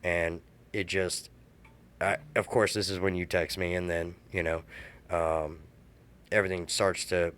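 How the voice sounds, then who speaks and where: A man in his thirties telling a candid personal story, halting and emotional, with many restarts. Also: sits low, little pitch movement, a bit bright, smooth.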